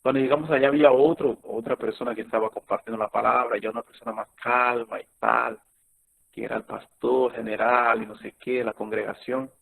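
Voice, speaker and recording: A middle-aged man giving a personal testimony, telling his story in a halting way with many fillers and restarts. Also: medium pitch, fairly even intonation, vocal fry. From Colombia. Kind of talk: spoken testimony to a youth meeting. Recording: tinny phone-like recording.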